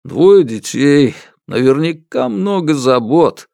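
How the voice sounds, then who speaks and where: A man voicing a calm, guarded middle-aged man who speaks in a measured, firm way. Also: medium pitch, creaky, no echo, clean studio sound. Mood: grave.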